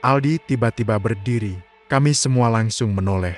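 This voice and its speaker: A man, narrating a scripted horror story in a slow, hushed, suspenseful way. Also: on the low side, no room sound. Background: faint music.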